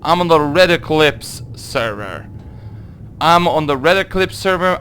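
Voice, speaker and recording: A young man from Hungary with a Hungarian accent, answering viewer questions in a casual gaming Q&A, halting through his English with many fillers. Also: fairly high pitch, a bit bright, slight background noise. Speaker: gaming video creator. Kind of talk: casual Q&A monologue.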